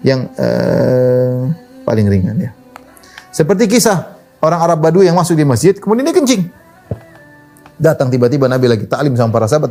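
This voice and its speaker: A man preaching a sermon, telling stories in an animated, conversational way with wide swings in pitch. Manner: casual conversational phrasing. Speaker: Islamic preacher.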